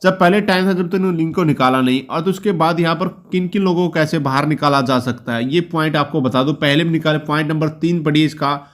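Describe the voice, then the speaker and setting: A man hosting his own channel, talking through a job policy in an informal, reassuring way and often closing a point with a quick check-in. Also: a little high. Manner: explanatory, reassuring, often ends points with "ठीक है". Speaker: YouTube channel host explaining job policy. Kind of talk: informal explainer talk.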